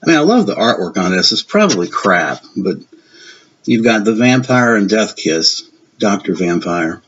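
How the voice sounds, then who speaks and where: A man's voice: lowish voice, sing-song, moderate pace, fairly bright tone, husky. A man in his fifties or sixties with a Southern US accent, chatting casually and rambling a little as he shows off his film collection. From Virginia, USA. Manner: chatty, rambling, self-deprecating. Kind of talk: casual show-and-tell vlog. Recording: dull lo-fi sound with faint hiss.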